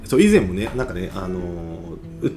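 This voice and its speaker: A man giving a casual, animated talk as a play researcher, explaining ideas conversationally and often checking for agreement. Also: sits low, moderate pace, faint music behind. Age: adult.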